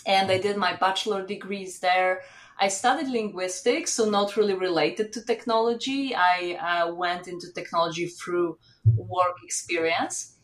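Soft-pitched Polish-born woman with many fillers. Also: steady tone, normal speed. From Poland. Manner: hesitant, many fillers and restarts. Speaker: startup founder guest. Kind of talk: casual interview chat.

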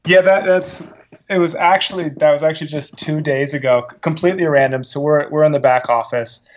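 A man's voice: fairly high pitch, steady tone, fairly quick, dull audio, a little hiss or hum. A man who runs a coffee company, telling stories in an interview with eager restarts. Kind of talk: casual interview answers.

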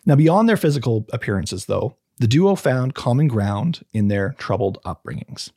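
A man with a husky, slightly breathy voice tells a true crime story in a casual podcast chat. He reads from notes, trips over words and restarts, then breaks off into loose asides. The sound is close and dry, with no room around it. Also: medium pitch, expressive, moderate pace, mellow, no room sound. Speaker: podcast host telling a true crime case.

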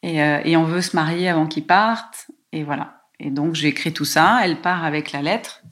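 A woman from France telling a personal story in a lively, emotional way, with many small hesitations. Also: sits low, normal speed. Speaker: guest telling her life story.

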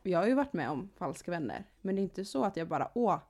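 Woman co-host from Gothenburg, lowish voice, playful teasing chat. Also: very animated, a little mellow. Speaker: podcast co-host. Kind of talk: casual chat.

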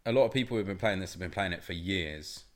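A man chatting on a podcast with a somewhat low voice. He talks loosely and argues his point, swearing now and then. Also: quick pace. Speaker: podcast co-host. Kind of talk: casual chat.

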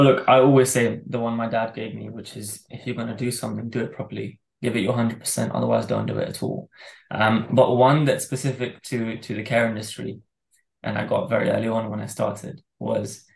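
A man who grew up in Dubai, a managing director speaking as a podcast guest in a reflective, earnest and steady way. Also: mid-range voice, vocal fry, reverberant. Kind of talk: conversational podcast interview.

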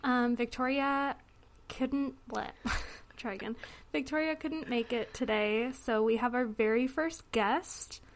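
A woman hosting a podcast in a casual, chatty way, laughing often and filling pauses with "um". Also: fairly high pitch, slight background noise. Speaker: podcast host.

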